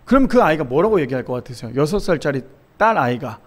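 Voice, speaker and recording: A fairly high-voiced man in his thirties delivers a Sunday sermon as pastor. He tells a family story in an engaging, conversational way, asks the listeners questions, and softens his voice when he quotes his children. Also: very animated, fast. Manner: warm storytelling with rhetorical questions to the congregation.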